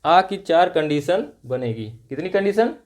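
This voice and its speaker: A man's voice: fairly high pitch, expressive, a little slow, a little mellow. A man teaching a grammar lesson to a class, explaining rules step by step and constantly asking "right?" to check understanding. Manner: repetitive, drilling rules step by step. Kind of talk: classroom lecture with call-and-response.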